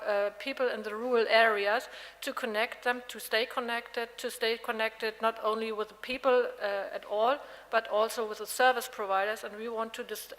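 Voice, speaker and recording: A woman from the northeast presents her project in a higher, flat, monotone voice. She halts and fills pauses often, and a long hall reverb trails her words. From northeastern Germany. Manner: halting, with many fillers. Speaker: regional project partner. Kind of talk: conference pitch.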